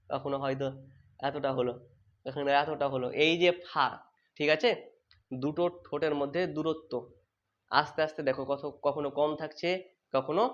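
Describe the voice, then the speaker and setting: A man teaching a lesson, who asks questions and then answers them himself, repeats terms slowly and corrects his own slips aloud. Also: mid-range voice. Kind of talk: exam-prep lesson on vowel sounds. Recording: dull lo-fi sound.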